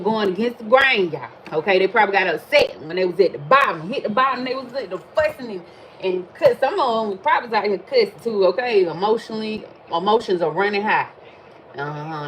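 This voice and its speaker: A woman, chatting casually while reading tarot cards, animated and swearing freely. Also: mid-range voice, a little hiss or hum, low-quality recording. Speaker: tarot reader. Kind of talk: casual livestream chat.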